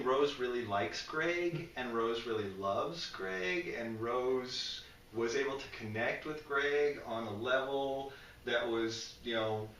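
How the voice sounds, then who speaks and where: Guy gushing about a show, keeps restarting his sentences, bright voice, echoey room. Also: mid-range voice, distant mic, slight background noise. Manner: animated, emotional, stumbles and repeats words. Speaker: podcast co-host. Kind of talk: casual fan discussion.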